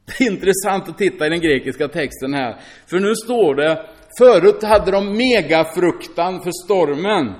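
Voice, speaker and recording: A man preaches a sermon, reading scripture aloud and commenting on it chattily while often asking his listeners "va?". His voice sits high and he is lively, swinging from loud exclamations to hushed asides.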